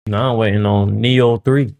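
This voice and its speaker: A man's voice: lowish voice, steady tone, moderate pace, vocal fry, darkish tone, dry recording. A man co-hosting a reaction video, laid-back and giving short casual remarks.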